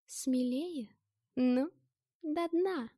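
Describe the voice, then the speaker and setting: A woman's voice: high voice, normal speed, dark tone, dry recording, studio quality, voice pushed up. A woman voicing a sly, dangerous young woman who coaxes sweetly and then shrieks in fury, in an audiobook. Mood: falsely tender. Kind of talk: audiobook character voice.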